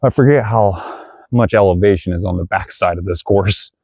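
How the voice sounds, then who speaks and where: A man's voice: deep voice, moderate pace, a little mellow, no echo. A man vlogging his disc golf round outdoors, chatting casually to viewers as he plays and sounding out of breath on a hilly course. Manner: chatty, addresses viewers as guys. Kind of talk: casual play-by-play narration.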